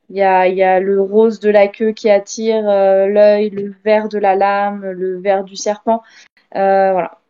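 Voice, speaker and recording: A woman's voice: medium pitch, dark tone, lo-fi sound. Hesitant woman giving painting feedback. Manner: hesitant, many fillers, friendly. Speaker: miniature painting reviewer. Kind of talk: casual critique.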